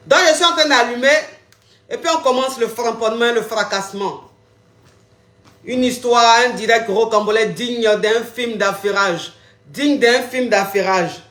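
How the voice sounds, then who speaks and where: A woman's voice: medium pitch, a bit bright, reverberant. A woman hosting a live call-in show on a livestream, chatting casually and teasing her callers with playful repetition.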